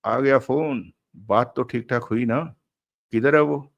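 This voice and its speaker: A man voicing a small-time male crook in an audiobook, excited and quick. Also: mid-range voice, vocal fry, lo-fi sound, pitched above the performer's own voice. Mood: gleeful.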